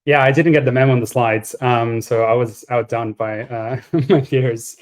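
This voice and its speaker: A man's voice: medium pitch, steady tone, normal speed. Self-deprecating man speaking without slides. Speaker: founder and former product lead. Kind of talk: unscripted talk.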